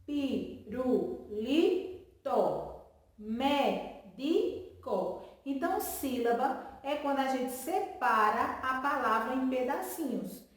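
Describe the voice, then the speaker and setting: High-voiced woman teaching young children. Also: fairly bright tone, distant mic. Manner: slow, sing-song syllable drilling, asks and answers her own questions. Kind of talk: remote school lesson for children. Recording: echoey room, voice from off-mic.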